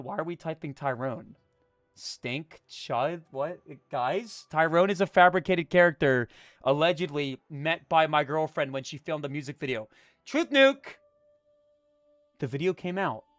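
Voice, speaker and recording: A young man live streaming and chatting with his viewers, jumping between loud hype and a low, mock-menacing mutter. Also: no echo, studio quality.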